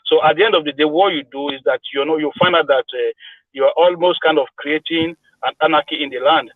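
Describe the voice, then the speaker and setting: A man's voice: on the high side, fast, no echo. A man, speaking over a group voice chat line, arguing his point earnestly with frequent restarts. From Nigeria. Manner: earnest, argumentative, many restarts. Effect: heard through a group voice chat line. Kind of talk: debating in a live group voice chat. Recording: tinny phone-like dry line.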